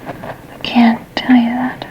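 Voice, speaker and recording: An actress playing an ashamed, despairing young runaway in a TV police drama, halting and defensive in a hushed, breathy voice. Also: female voice, fairly high pitch, monotone, whispered, lo-fi sound.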